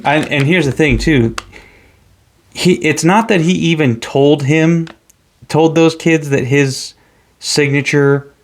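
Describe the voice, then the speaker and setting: A man's voice: mid-range voice, creaky, noisy background. A man in a casual hobby vlog, rambling opinions while counting pieces aloud. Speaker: hobby vlogger. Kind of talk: casual rambling commentary while building a set. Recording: loud crinkling of plastic bags. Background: crumpling bags and shuffling pieces.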